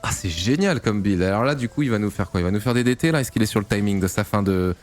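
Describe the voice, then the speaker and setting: A man from France casually commentating a game replay, playful and teasing, with loud exclamations and swearing. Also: on the low side, fast talker, soft background music. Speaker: StarCraft grandmaster analysing a replay.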